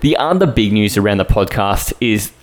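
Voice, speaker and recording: An Australian man opens his podcast in an upbeat, tongue-in-cheek announcer style. His pitch swings widely, with plenty of lift as he rattles through his lines. Music plays underneath. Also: lively intonation, moderate pace. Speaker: podcast host. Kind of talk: scripted podcast intro.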